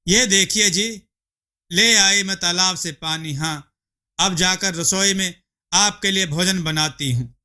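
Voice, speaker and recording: A man voicing a lazy, greedy village wife in a storybook tale, with a whiny, excitable manner. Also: high voice, takes it slowly, exaggerated voice. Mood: sweet.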